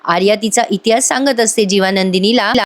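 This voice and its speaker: A woman's voice: medium pitch, brisk. A woman giving a chatty voice-over recap of a TV serial, addressing viewers directly. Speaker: TV serial reviewer.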